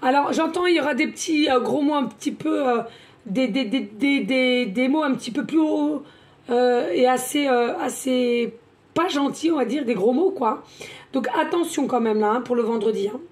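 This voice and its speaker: Chatty high-voiced woman reading cards. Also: normal speed, a little mellow. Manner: chatty, repeats words, many fillers. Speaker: card reader, medium. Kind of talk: tarot card reading.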